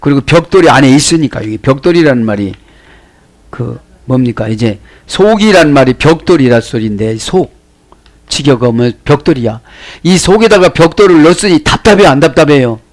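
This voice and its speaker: A man, a pastor giving a Bible study sermon, explaining words one by one and asking the listeners rhetorical questions. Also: mid-range voice.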